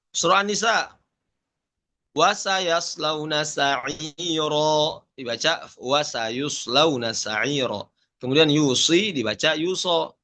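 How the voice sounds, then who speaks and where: A young man teaches Quran readings online, speaking slowly and carefully. His voice is bright and sits a little high. He lists word variants one by one and chants short verse snippets to show them. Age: young adult. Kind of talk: online lesson.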